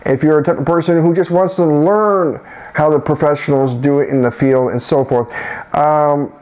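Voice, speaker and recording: A man's voice: on the high side, fairly even intonation, moderate pace, darkish tone, rough recording. A man co-hosting a casual chat, rambling along with frequent restarts. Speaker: co-host.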